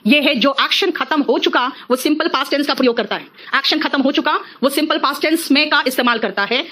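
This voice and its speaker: A middle-aged woman teaching an exam-prep English lesson, calling her students "beta" and slowing down to spell out example sentences. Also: high-pitched, sharp tone. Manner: addresses students as beta, mixes Hindi and English.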